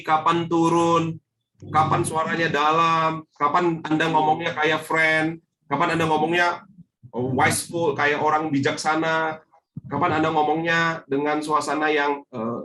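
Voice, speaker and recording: Bright-voiced male speaking coach. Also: fairly high pitch, slight background noise, poor audio. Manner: lively, coaxing, with frequent rhetorical questions. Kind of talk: online webinar teaching.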